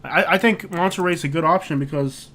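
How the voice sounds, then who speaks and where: While browsing street views on a laid-back livestream, a U.S. host chats in a rambling way, leaning heavily on "like" and "you know." He sounds a little high, a bit bright, and slightly fast.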